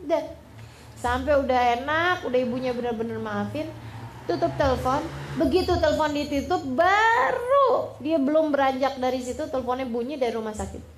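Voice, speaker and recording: A woman preacher delivering a sermon in an easy, chatty storytelling manner, her voice sitting a little high. The sound carries a roomy echo. A faint background ambience is heard. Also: lively intonation, a little fast, slight background noise. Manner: conversational storytelling, colloquial.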